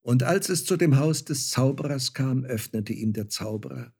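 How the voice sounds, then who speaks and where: A man reading a fairy tale aloud as narrator, calm and measured. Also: mid-range voice, slightly rough.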